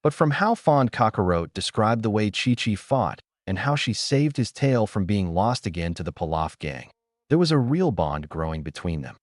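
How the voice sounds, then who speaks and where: A man narrating a fan story in an expressive storybook style. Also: on the low side, normal speed, no echo, studio quality.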